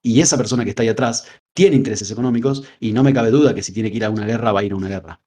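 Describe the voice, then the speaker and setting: Husky low-voiced Rioplatense man. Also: racing, darkish tone. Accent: Rioplatense Spanish. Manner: rambling, frequent "este" fillers. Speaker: podcast co-host. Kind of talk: casual film discussion.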